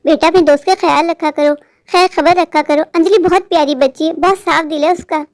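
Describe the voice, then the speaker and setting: A fussing, affectionate mother bird, voiced by a woman in a cartoon, doting on her son and fearful of loneliness. Her voice is very high. The recording is dry and close. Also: fairly even intonation, brisk, no room sound, close to an everyday voice. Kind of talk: cartoon voice acting.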